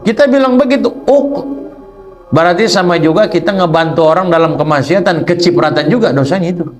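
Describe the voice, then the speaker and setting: A man's voice: on the high side, fast, slight background noise. A man teaching a religious text lesson, explaining playfully with rhetorical questions. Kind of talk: kitab study lesson.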